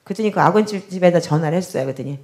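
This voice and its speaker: A woman's voice: lowish voice, rapid-fire, darkish tone, slight background noise. A middle-aged woman pastor telling a story from her pulpit, acting out the other people's voices as she goes. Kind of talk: testimony during a prayer service.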